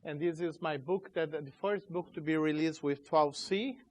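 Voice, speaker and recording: A company CEO in his 40s gives a tech conference talk in a conference room, his voice a bit high-pitched. Born in Chile and raised in Brazil with Portuguese as his first language, he speaks informally and haltingly, with loose grammar.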